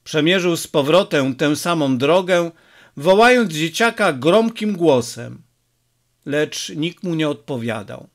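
A man narrating an audiobook story in measured storytelling. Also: a little high, lively intonation. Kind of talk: scripted narration.

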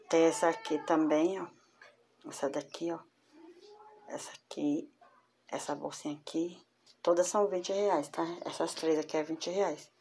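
Woman, low voice, chatty, casual show-and-tell, home vlog. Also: a little mellow. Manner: chatty, addresses viewers as girls. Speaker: crochet vlogger. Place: home room with door closed.

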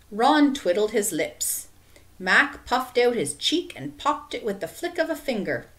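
A woman reads a storybook aloud at an unhurried pace. Her voice is lively, rising and falling with the story, and she lets each sentence settle. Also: medium pitch. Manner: expressive, measured reading. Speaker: audiobook narrator. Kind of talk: storybook narration.

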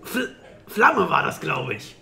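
A man's voice: a little high, sing-song, slow pace, gravelly, pushed and bright, reverberant. A man in tabletop roleplay as a chatty, good-natured, slightly dazed adventurer.

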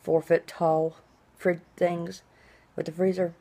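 Low-voiced woman with drawn-out, hissing s sounds. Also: little pitch movement, vocal fry, warm tone. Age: middle-aged. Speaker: vlogger. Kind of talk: casual personal video diary. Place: small indoor room at home.

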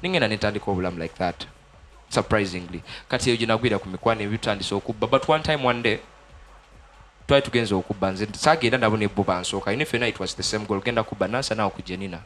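Fast-talking Ugandan man telling his testimony. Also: on the low side, a bit bright, a little hiss or hum. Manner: earnest, fast-talking, mixes Luganda and English. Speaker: gospel musician guest. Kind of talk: studio interview, personal testimony. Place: TV studio. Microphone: handheld mic.

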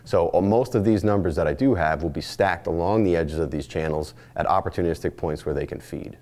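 A man's voice: deep voice, brisk, a little mellow. A man in his forties, a charter captain, giving a plainspoken instructional talk in short stacked phrases, recorded on a lapel mic in an indoor studio. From Northeastern United States. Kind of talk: instructional presentation. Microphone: lapel mic, framed mid-shot.

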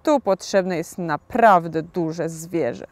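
A large, steady horse, which a woman puts on, talks in slow, measured words. The voice sits a little lower than her narration. It is a dry, close storybook reading. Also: no echo. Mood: firm. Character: big weary male horse, steady and strong.

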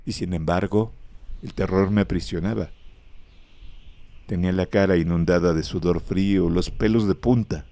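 A man narrating a horror story in a grave, measured way, close to the microphone. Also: sits low, dark tone, no echo.

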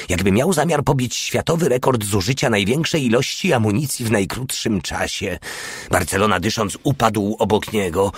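A man narrating an audiobook in an even, measured storytelling manner. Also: on the low side, breathy edge, no room sound, clean studio sound. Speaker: audiobook reader.

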